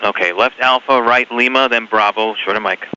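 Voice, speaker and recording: An air traffic ground controller, a man giving clipped, hurried and apologetic instructions to pilots, heard over aviation radio with static bursts. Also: medium pitch, sharp tone. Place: airport control tower. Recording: muffled radio transmission with faint hiss.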